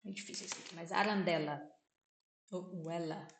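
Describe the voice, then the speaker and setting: A Brazilian woman with a Brazilian Portuguese accent gives a casual spoken lesson, slowly repeating words and often checking with "né?". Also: fairly low pitch, steady tone, a little hiss or hum. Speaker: vlogger teaching vocabulary. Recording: echoey room.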